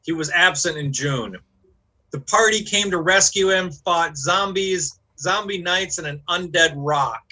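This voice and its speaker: Male player, bright and a bit high, animated storyteller recapping the game. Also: measured pace, rough recording.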